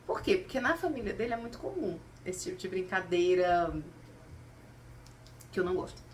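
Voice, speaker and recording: A woman talks casually and expressively to her viewers, pausing and picking up her thread as she reflects. She sits a little back from the mic, with a faint hum underneath. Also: on the low side. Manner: expressive, talks straight to viewers, acts out quoted voices. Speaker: spiritual vlogger. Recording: slightly distant mic, faint background noise.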